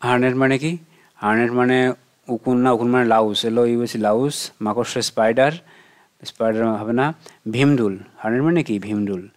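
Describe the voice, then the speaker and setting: Male tutor, Bengali accent, mid-pitched voice, patient question-and-answer delivery for young students. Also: fairly even intonation, moderate pace. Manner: patient, asks and answers his own questions. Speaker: teacher. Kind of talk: exam question walkthrough for children.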